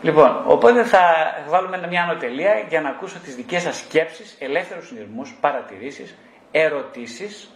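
A man's voice: on the high side, expressive, roomy sound, a little hiss or hum, poor audio. A middle-aged man, a psychotherapist speaking to a group, blunt and mockingly scolding, firing rhetorical questions straight at his listeners. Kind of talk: talk to a group.

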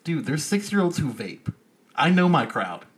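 A man's voice: on the high side, sing-song, normal speed. Crude joking male podcast host. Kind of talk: casual podcast chat.

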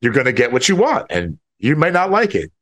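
Male American co-host, medium pitch, casual political chat, halting, stammering and disdainful. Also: wildly swooping pitch, a bit bright.

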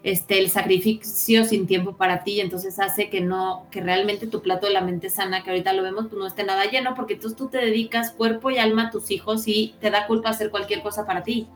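A woman's voice: mid-range voice, fairly even intonation, fairly quick, few pauses, reverberant, soft background music. A woman psychologist, explaining in casual podcast talk and often ending her points with "¿no?". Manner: explanatory, frequent "¿no?" tags. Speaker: psychologist guest.

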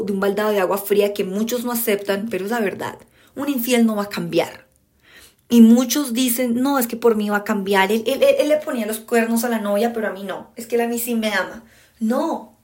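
Frank woman, echoey room. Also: on the high side. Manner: frank, emphatic, speaks directly to listeners. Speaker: podcast host. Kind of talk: casual advice monologue.

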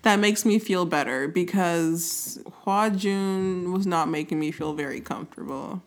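A woman co-hosting a casual chat about a film, relaxed and rambling, with lots of fillers. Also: on the low side, unhurried.

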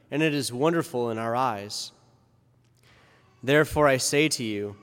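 A male priest reads the gospel and then preaches a casual, conversational homily with asides, heard in a long cathedral-like echo. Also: mid-range voice. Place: large church. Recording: long reverb of a big church.

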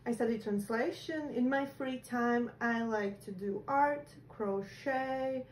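Bubbly high-voiced young woman. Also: takes it slowly, reverberant, slight background noise, poor audio. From Latvia. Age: young adult. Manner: teasing, bubbly. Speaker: podcast co-host. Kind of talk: casual chat.

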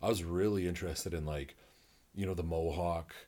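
Speaking with a deep, dark, steady voice at a normal pace, a North American man co-hosts a podcast. The conversation is casual, and he rambles enthusiastically, full of fillers.

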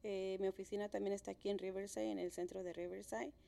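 A Mexican woman in her thirties co-hosts a podcast, speaking quickly in a dark, creaky, medium-pitched voice with little pitch movement. She's a friendly, encouraging interviewer keeping the conversation casual and easy.

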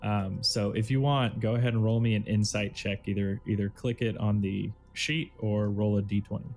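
A man runs a tabletop adventure as dungeon master, narrating casually with plenty of ums and likes. His voice sits a little low. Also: steady tone, moderate pace, darkish tone, soft background music.

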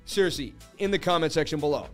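Speaking fast in a slightly high voice with lively intonation, a man losing his voice runs a crypto livestream full of hyped, bragging banter with his audience. Soft background music plays under this casual market commentary.

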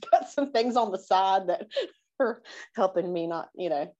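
A woman hosting a podcast in casual, chatty, self-deprecating style, her voice raspy and stuffed up from pollen allergies. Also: mid-range voice, animated, moderate pace, a little mellow, dull audio. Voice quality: raspy, congested. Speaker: podcast host. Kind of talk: casual chat.

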